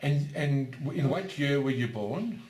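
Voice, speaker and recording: Gently questioning male interviewer, roomy sound. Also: medium pitch, lively intonation, a little slow. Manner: asks short, gentle follow-up questions. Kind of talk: oral history interview. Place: interviewee's home. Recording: roomy echo in a home.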